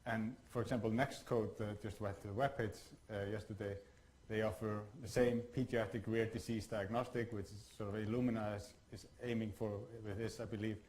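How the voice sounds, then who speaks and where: Halting Icelandic-born man lecturing. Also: fairly low pitch, little pitch movement, a little mellow, slight background noise, poor audio. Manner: halting, many fillers and restarts. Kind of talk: academic workshop lecture.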